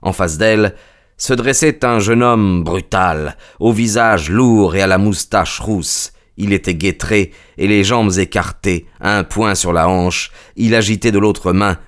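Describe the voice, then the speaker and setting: A man narrating a story aloud in a steady, measured reading. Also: lowish voice. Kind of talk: audiobook narration.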